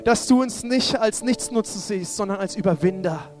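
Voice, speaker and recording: A man's voice: sits high, moderate pace, over music. A man preaching a sermon and then leading a fervent spoken prayer, often repeating short calls to Jesus.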